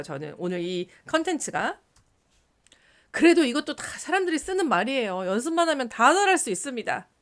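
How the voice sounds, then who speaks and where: A woman teaching an English lesson in a casual video, lively, switching between polite and casual speech and sounding out example words. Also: on the high side.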